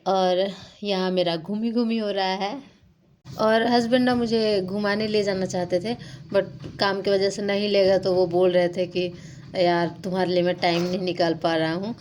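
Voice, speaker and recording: A woman's voice: mid-range voice, level tone, normal speed, a little mellow, slight background noise. A young adult woman narrating a casual vlog in a chatty, rambling way with lots of fillers. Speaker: vlogger.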